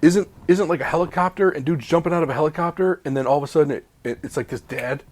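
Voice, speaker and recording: A man in his mid-forties co-hosting a casual podcast chat, talking in animated bursts, cursing freely and restarting his sentences as he rambles. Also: fairly high pitch, fast. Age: 40s. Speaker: podcast co-host. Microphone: home podcast mic with mute button.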